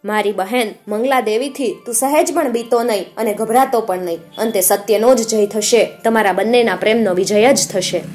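A woman's voice: fairly high pitch, moderate pace, hardly any pauses, a little mellow, soft background music, lightly acted. A benevolent flower fairy blesses the young couple in a reassuring way, read by a woman storyteller. The voice stays close to her narrating voice.

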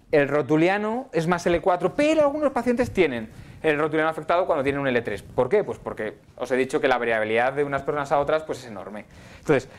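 A middle-aged man lecturing physiotherapy students in a casual way, often checking in with "¿vale?". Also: on the high side. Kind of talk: university lecture. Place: lecture hall.

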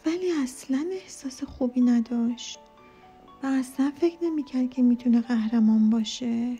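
A woman reading a children's book aloud in a soft, expressive way, sometimes dropping to a whisper. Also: a little high, slightly rough. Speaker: storyteller.

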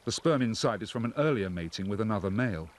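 A man reading scripted nature documentary narration in a measured, explanatory way. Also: on the low side, lively intonation.

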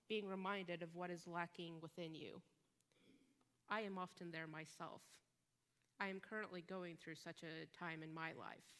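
A woman delivers a sermon in a church sanctuary, her voice sitting slightly low. She speaks in measured phrases with emphatic pauses, and a long reverb trails behind each line. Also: a bit bright. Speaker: guest preacher.

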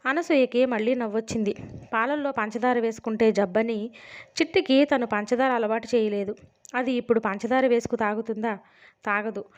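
A woman narrating a novel as an audiobook in a steady storytelling manner. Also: fairly high pitch, normal speed. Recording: dull lo-fi sound.

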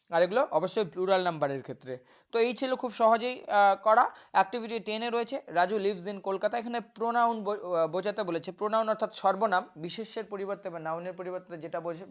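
A woman teacher with a Bengali accent, explaining an English worksheet step by step, with hesitations and self-corrections. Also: mid-range voice.

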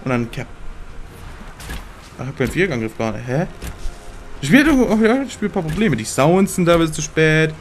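A young man commentating his gameplay in a slangy, excitable way and talking back to the game characters. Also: fairly high pitch, fairly quick, long pauses, faint music behind. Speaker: let's play gamer.

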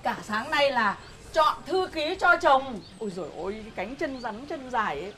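A woman's voice: high-pitched, animated, moderate pace, fairly bright tone. An actress playing a chatty, bossy older village woman who gossips. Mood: gossiping.

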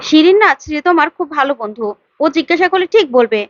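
A woman's voice: high voice, expressive, fairly quick, dry recording, highs cut off. A woman voicing a loyal young man who speaks earnestly.

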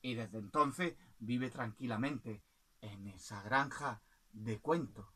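A man with a Spanish accent telling an animated children's story, playfully imitating animal sounds and laughing along. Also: medium pitch, slow, husky.

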